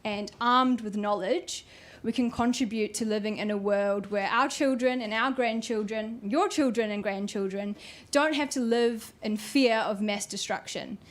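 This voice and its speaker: A young woman closing a prepared speech with measured, rhythmic phrasing. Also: fairly high pitch. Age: young adult.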